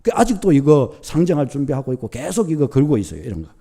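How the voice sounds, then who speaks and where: A middle-aged man preaching a sermon as pastor, telling a story with lively acted-out quotes. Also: medium pitch, fast talker. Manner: animated storytelling, acting out quoted thoughts.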